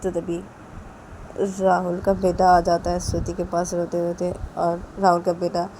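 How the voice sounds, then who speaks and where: A woman storyteller casually retelling a family drama in a plain, unhurried way, linking events with repeated phrases. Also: lowish voice, monotone, dark tone, slight background noise, poor audio.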